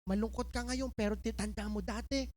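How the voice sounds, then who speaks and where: A woman pastor with a high voice delivers a lively, playful sermon. She acts out a scene with a volunteer and slows down to read scripture with care. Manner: animated, playful, switches between preaching and slow scripture reading. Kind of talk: lively sermon with a live demonstration.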